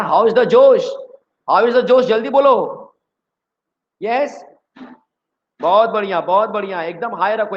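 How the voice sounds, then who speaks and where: A man from India teaching chemistry in an energetic online exam-prep lecture, who keeps quizzing his students. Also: high voice, muffled recording.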